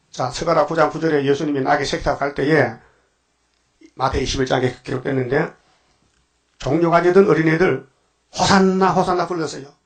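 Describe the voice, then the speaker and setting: An older man preaching a dawn sermon as pastor, firing off rhetorical questions and sudden emphatic bursts. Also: fairly high pitch.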